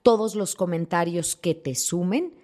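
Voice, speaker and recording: Lower-pitched woman, expressive guest. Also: unhurried. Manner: expressive, acts out quoted voices. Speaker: thanatologist guest. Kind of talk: interview conversation.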